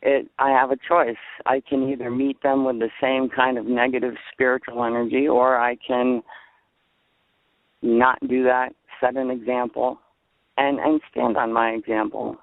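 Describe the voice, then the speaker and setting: A man's voice: medium pitch, level tone, normal speed, vocal fry, no echo. Caller: a blunt, defiant man phoning in from a parking lot, tinny phone sound, dry. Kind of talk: call-in radio talk.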